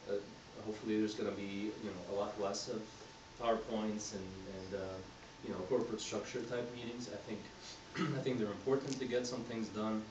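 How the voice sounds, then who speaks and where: Man from Egypt, candidate speech, low flat voice, roomy distant sound with background noise. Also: dull audio. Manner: halting, many fillers and restarts. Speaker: board candidate. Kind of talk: candidate speech to a community group.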